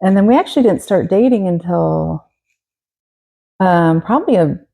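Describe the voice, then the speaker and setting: A woman in her forties from Texas, a guest telling her story in a relaxed interview, pausing often and restarting. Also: fairly low pitch, creaky, low-quality recording. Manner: hesitant, many fillers and restarts. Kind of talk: casual interview.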